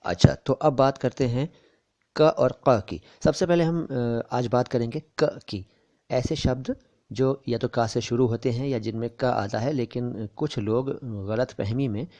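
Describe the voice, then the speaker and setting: A man's voice: fairly low pitch, warm tone, dull audio. Man teaching careful pronunciation. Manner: measured, careful explanatory delivery. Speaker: language teacher. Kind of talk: pronunciation lesson. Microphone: bluetooth headset.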